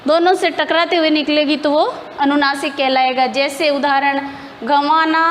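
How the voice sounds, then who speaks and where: High-voiced woman teaching grammar, echoey. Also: little pitch movement, moderate pace, slight background noise. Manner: explains step by step, asks and answers her own questions. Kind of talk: classroom lesson.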